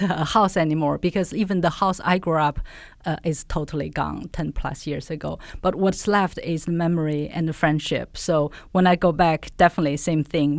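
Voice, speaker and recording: Investor from northeast China, low voice, earnest with hesitations, dry close mic. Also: female voice, dry recording. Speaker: emerging markets investor. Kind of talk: podcast interview answers.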